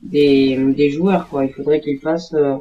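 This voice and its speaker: Recorded at home with dull, lo-fi sound, a man who makes gaming videos narrates gameplay casually. His voice is on the high side, fairly even in intonation, and a little slow, and he rambles hesitantly with lots of fillers and self-corrections.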